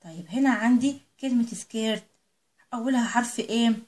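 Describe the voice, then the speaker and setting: A woman's voice: a little high, brisk, a little mellow. A woman with an Egyptian Arabic accent, explaining a children's English lesson. She talks patiently, repeats each point, and asks questions before answering them herself. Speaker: teacher.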